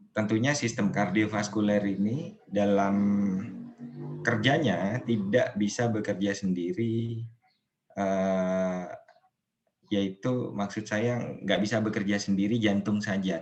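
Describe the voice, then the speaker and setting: A man giving an online nursing lecture, speaking slowly and calmly, stopping to ask his students questions. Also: on the low side, muffled recording. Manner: slow, measured, asks students questions.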